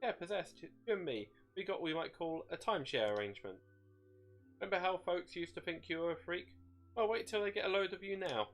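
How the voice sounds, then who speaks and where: Give it a cackling, bloodthirsty demon acted out by a man, pitched well above a plain voice. It wheedles and mocks in folksy slang, like a storybook villain, with music playing behind. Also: lively intonation, brisk, fairly bright tone. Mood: wheedling, gleeful. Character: gleeful bloodthirsty male demon shade possessing a woman. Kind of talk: dramatic storytelling character voice.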